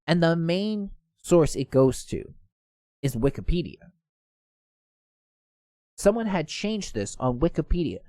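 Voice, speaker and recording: A man's voice: on the high side, very animated, slow pace, long pauses, warm tone, no echo, studio quality. A man hosting casual online news commentary, reading posts aloud and stumbling now and then. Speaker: host.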